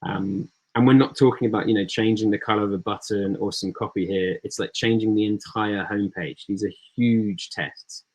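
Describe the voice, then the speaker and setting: A man with a fairly low voice walks through his slides on a video call. He talks in a relaxed way and leans on ums and uhs between points. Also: moderate pace, poor audio. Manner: relaxed, filler-heavy delivery. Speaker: startup founder giving a talk. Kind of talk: presentation with slides.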